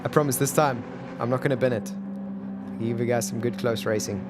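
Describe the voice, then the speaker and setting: This South African man streams a sim racing game, talking and thinking out loud in live commentary. He speaks at a medium pitch and a fairly quick pace while loud car engine sounds from the game roar behind him.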